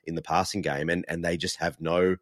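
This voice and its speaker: A man's voice: deep voice, little pitch movement, a little fast, no room sound, studio quality. A man giving casual sports analysis as a podcast co-host, repeating words as he builds each point.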